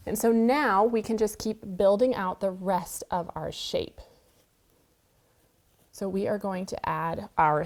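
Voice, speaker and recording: In her sewing studio, the quilting host keeps the lesson easygoing, narrating each step as she sews. She speaks at a mid-range pitch, and a cold leaves her slightly congested and sniffling.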